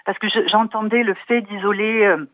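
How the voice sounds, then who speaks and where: A woman's voice: mid-range voice, steady tone, moderate pace, no room sound. A woman calling in to a radio show over the phone, talking earnestly with many hesitations. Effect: phone line. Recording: tinny phone line.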